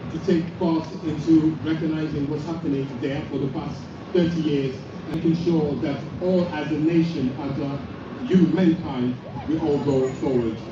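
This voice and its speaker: A man's voice: a little high, fairly even intonation, normal speed, noisy background. A man from the Congo giving a hesitant speech at an outdoor street rally, with many fillers and restarts. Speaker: rally speaker. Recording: echoey, distant, muffled outdoor PA sound.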